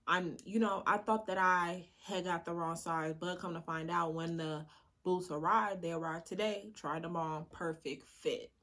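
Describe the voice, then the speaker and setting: A woman's voice: fairly low pitch, steady tone, measured pace, a bit bright. A young woman, chatting casually while eating for a mukbang video, laid-back, laughing often and using many fillers. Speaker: mukbang vlogger.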